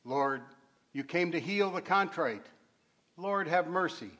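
A man's voice: on the high side, expressive, slow pace, a bit bright. An older man assisting at Mass, formally reciting liturgical invocations. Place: church sanctuary at the altar, indoors.

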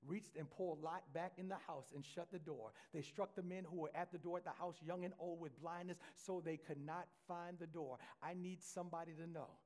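Man, pastor, high-pitched, preaching, scripture reading, call-and-response, church sanctuary. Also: steady tone, darkish tone. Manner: reads scripture aloud, slowing down to stress key phrases. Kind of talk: sermon.

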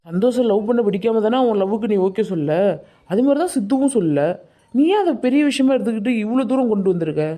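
A woman voicing a level-headed young village man in an animated cartoon, talking earnestly and persuasively. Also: a little high.

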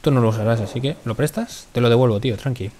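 Excitable swearing Spanish gamer. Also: male voice, medium pitch, fast talker, a little hiss or hum. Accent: Spain Spanish. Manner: swears often, jumpy and excitable in fights. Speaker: gaming commentator. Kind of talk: let's play commentary.

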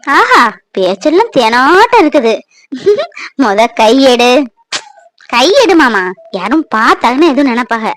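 In a family fan drama set around a village romance, a young actress voices a playful, talkative girl cautious of her strict family. She speaks high and exaggerated at a measured pace with long pauses, her intonation lively.

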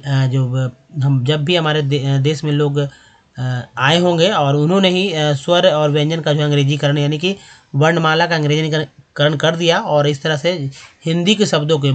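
A man hosting a spoken language lesson, explaining briskly and reading word lists slowly and deliberately. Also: fairly high pitch. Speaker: English teacher and channel host.

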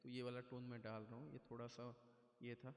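A man's voice: mid-range voice, level tone, a little fast. A man giving a casual step-by-step keyboard tutorial, explaining patiently and checking in with the viewer often. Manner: plain, patient explaining with frequent "theek hai". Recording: echoey room with long reverb.

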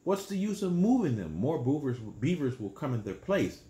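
A man reading a picture book aloud, voicing a frustrated neighbor who talks fast and high. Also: big pitch swings, warm tone, roomy sound. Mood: exasperated.

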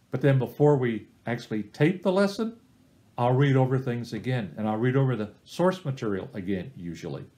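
A middle-aged man teaching a church small-group Bible study, with a voice of ordinary middle pitch. He sets out practical tips one step at a time in a plain, unhurried way, like a lay teacher leading a recorded weekly lesson. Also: warm tone.

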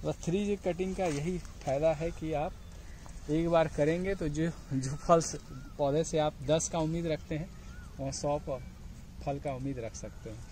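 A slightly high-voiced man in his forties gives a farm tour outdoors and patiently explains everything he shows. The recording is close up, with clearly audible outdoor noise behind him. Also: measured pace, darkish tone, poor audio. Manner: patient, points things out and keeps saying "look". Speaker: farm guide.

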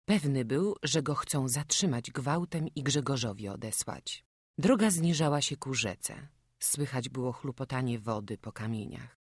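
A woman narrating a children's storybook audiobook in a calm, even storytelling manner. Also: extremely low pitch, measured pace, slightly rough, no echo, studio quality. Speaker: audiobook reader.

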